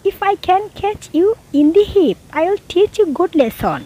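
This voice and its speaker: High-voiced woman teaching English slowly. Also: big pitch swings, warm tone. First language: Bengali. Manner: reads each English sentence twice, slowly and deliberately. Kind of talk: slow, repeated phrase-by-phrase teaching.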